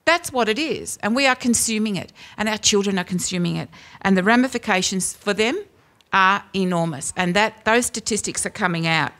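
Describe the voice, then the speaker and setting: At an indoor venue with a brick wall, a woman in her fifties speaks into a stand microphone at a lectern, addressing a rally with passion. Her Australian-accented voice is loud and booming, and she leans heavily on rhetorical questions.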